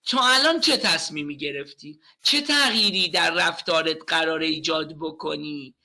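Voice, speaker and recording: A man in his thirties teaching a live webinar on communication skills, playful and animated as he speaks directly to his class. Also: a little high.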